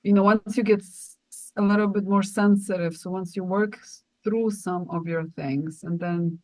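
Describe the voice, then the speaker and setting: A woman's voice: mid-range voice, steady tone, moderate pace, a little mellow, poor audio. A woman co-hosting a spiritual podcast, talking in an earnest, rambling way with many restarts. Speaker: podcast co-host.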